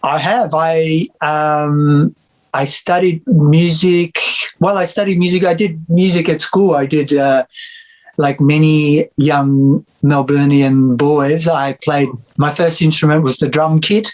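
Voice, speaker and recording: A middle-aged man with an Australian accent talks through a video-call interview. His voice sits a little higher than usual for a man. He rambles easily, pausing on "uh" and reshaping sentences as he goes. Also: poor audio. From Australia (Victoria). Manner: relaxed, rambling with many fillers and restarts. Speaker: musician and music teacher, guest. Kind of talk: casual interview chat.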